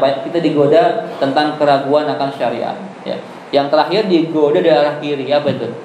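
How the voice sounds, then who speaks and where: Male preacher, lively joking sermon, echoey mosque, faint noise. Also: sits high. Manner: chatty, joking, lively storyteller.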